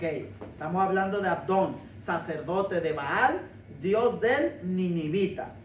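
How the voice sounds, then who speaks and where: A man's voice: extremely high pitch, fairly bright tone. A male pastor preaching a conversational sermon with jokes and rhetorical questions to his congregation. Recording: roomy, distant mic, faint noise.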